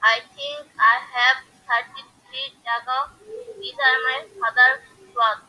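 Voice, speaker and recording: A young female pupil on a video call reciting an English rhyme slowly and carefully. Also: high-pitched, steady tone, muffled recording.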